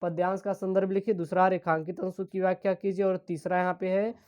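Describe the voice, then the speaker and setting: A woman teaches an exam-prep lesson in a slightly low voice. She explains each question step by step, keeps addressing her students as dear children, and reads literary passages aloud slowly. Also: little pitch movement, darkish tone.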